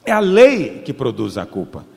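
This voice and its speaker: A man preaching a sermon as pastor, moving between quiet reflective lines and emphatic raised peaks. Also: mid-range voice, wildly swooping pitch, moderate pace, creaky. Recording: long hall reverb.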